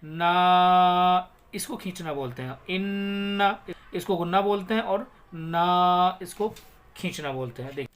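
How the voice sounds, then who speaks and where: A man with a Pakistani Urdu accent teaching a tajweed lesson, patiently explaining rules and repeating words, then reciting them slowly in a drawn-out, melodic way. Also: sits high, a bit bright.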